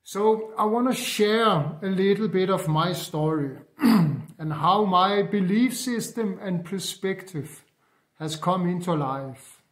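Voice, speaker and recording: A Danish-accented man in his fifties talks in a high, unhurried voice. He speaks English as a second language and shares his beliefs in a reflective monologue, pausing often and restarting his sentences. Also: expressive. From Denmark. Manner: slow, halting, with many fillers and restarts. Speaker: spiritual vlogger.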